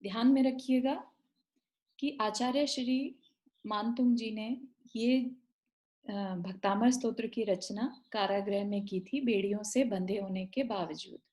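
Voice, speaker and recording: A woman teaching an online class, slowly sounding out each word of a devotional hymn and chanting it line by line. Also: mid-range voice, mellow. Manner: slow, word-by-word instruction and chanting. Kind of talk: online class on pronouncing a stotra.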